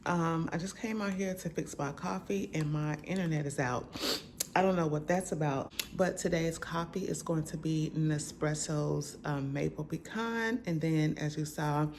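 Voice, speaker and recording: Low-voiced woman vlogger, groggy morning voice. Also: moderate pace, a little hiss or hum. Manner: relaxed, talkative, slangy. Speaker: vlogger host. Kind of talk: casual chatty vlog. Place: at home, indoors.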